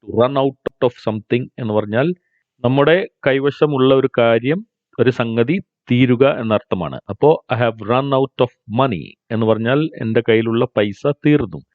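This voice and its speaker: A man gives a spoken English lesson, explaining points and then saying each practice sentence very slowly and distinctly. His voice is mid-pitched, and it sounds narrow and phone-like, with no room echo at all. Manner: slow deliberate model sentences between explanations. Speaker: English teacher.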